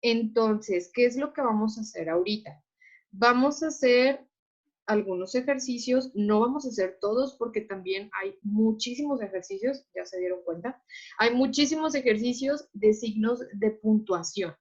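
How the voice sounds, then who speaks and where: A woman's voice: fairly high pitch, moderate pace. Woman teacher, muffled lecture audio. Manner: patient, explanatory, checks in with students often. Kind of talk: online class lecture.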